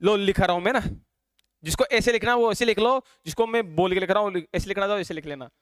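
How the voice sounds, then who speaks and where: A male teacher, giving a classroom lecture, quizzing students and dictating notes slowly with repeats. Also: sits high, clean tone, no echo, clean studio sound.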